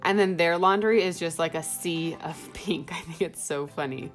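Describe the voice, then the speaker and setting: A young woman with a slightly low voice narrates her housework in an easy, chatty way. She fills her talk with little "like"s, and soft music plays faintly behind her. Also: normal speed. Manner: chatty, friendly, filler words like "like". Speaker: home vlogger. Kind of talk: casual voice-over narration.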